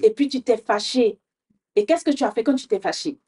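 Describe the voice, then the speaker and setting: A woman hosting a children's show, teaching young kids gently, asking them questions and often adding a quick "hein?". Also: on the high side, husky.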